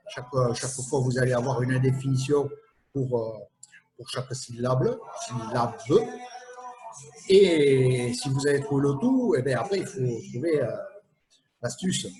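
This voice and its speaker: A man's voice: medium pitch, a little mellow, low-quality recording. A man hosting a casual quiz game, playful and teasing, chuckling at his own riddles. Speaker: host of a live quiz game.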